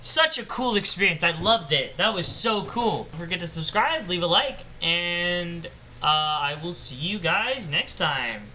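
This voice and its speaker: A man's voice: sits high, expressive, a little slow, bright, forceful tone, a little hiss or hum. A young man giving casual, enthusiastic game commentary as the channel host. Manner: enthusiastic, rambling with fillers. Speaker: gaming YouTuber.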